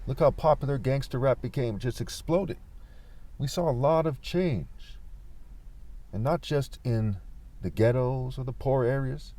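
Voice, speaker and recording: A man's voice: mid-range voice, unhurried, warm tone. A man giving an informal political monologue, argumentative, leaning on rhetorical questions and repeating his points. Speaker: political commentator.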